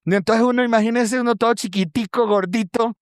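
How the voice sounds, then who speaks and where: High-voiced pastor preaching. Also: male voice, brisk, clear, resonant tone, no room sound, studio quality. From Colombia. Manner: animated storytelling with acted quotes, addresses congregation as brothers. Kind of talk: sermon. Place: church.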